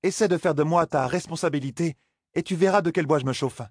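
A man's voice: on the high side, fast, slightly rough, dry recording, clean studio sound, voice pushed up. A man voicing a defiant young woman. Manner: sharp, challenging questions. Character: young woman, bold, defiant, quick-tongued.

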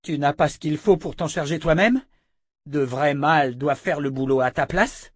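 A man's voice: a little high, normal speed, no echo, clean studio sound, voice pushed up, lightly acted. A man voicing Callan, a scornful captive woman. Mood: taunting. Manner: taunting, scornful. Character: defiant, mocking captive woman inquisitor. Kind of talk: audiobook reading.

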